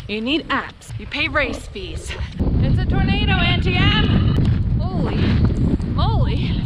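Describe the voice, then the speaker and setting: An American woman with a fairly high voice talks to her camera while running along a country road. She is casual, wry and sarcastic, swearing freely. The handheld outdoor audio has clear wind noise. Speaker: vlogger. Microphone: handheld camera at arm's length. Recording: windy, noisy outdoor action-camera audio.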